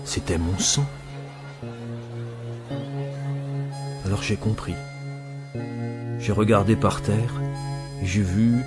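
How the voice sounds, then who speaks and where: With music running beneath him, an actor voices a man wistfully remembering a childhood circus mishap, his lightly acted, unhurried delivery moving expressively from hushed to excited. His voice is lowish and the overall mood is wistful, a vivid first-person dramatised tale.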